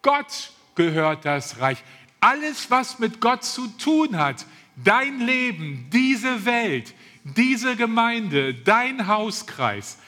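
A man preaching a sermon with a high, bright voice, taking his time and leaning hard on each repeated phrase. His voice carries a long reverb through a church hall. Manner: emphatic, repeats key phrases, stretches words slowly.

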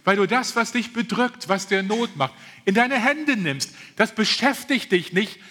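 A man preaching a sermon with a high, bright voice, taking his time and leaning hard on each repeated phrase. His voice carries a long reverb through a church hall. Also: expressive. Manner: emphatic, repeats key phrases, stretches words slowly.

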